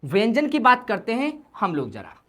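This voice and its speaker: A woman's voice: fairly high pitch, wildly swooping pitch, normal speed, fairly bright tone. A woman teaching Hindi grammar, repeating key points and asking questions that she answers herself. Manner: repetitive, asks questions then answers them. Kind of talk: classroom lesson explanation.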